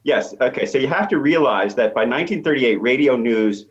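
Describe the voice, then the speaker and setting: A media professor appears as an expert guest, explaining things conversationally and thinking aloud as he goes. He speaks briskly in an animated, mid-range voice. The line sounds slightly dull and lo-fi.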